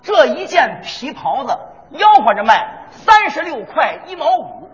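High, lively crosstalk comic on stage. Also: a little slow. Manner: shouts and sings peddler calls, mimics dialects. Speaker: crosstalk performer, lead joker. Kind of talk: stage crosstalk comedy with street-hawker calls. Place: theater stage before a live audience. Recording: lo-fi live stage recording, hall reverb, audience.

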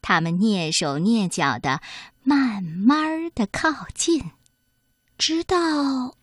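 A woman reading a children's picture book aloud, in an expressive, sing-song storytelling voice. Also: on the high side, extremely slow, no echo, studio quality.

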